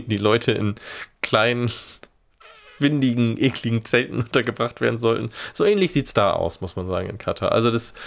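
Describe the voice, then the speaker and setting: A man's voice: fairly low pitch, creaky. A man talking casually on a podcast, wry and exasperated, using dry gallows humor. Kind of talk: casual chat.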